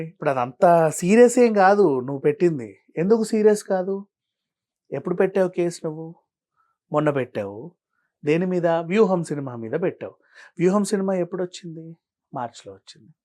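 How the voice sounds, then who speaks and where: A man answering as an interview guest, arguing his point with a stream of pointed rhetorical questions and shifting from calm explaining to heated. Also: on the high side, brisk, long pauses. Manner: argumentative, fires rhetorical questions. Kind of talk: studio interview.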